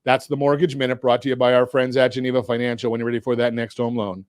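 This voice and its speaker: This finance talk radio host, a Southern Californian man, talks fast in a clear, resonant medium-pitched voice, though his delivery is flat. He's energetic, cracks jokes, and asks his guests leading questions, and there's a sponsor read. The sound is clean studio audio from a studio mic, with no room sound.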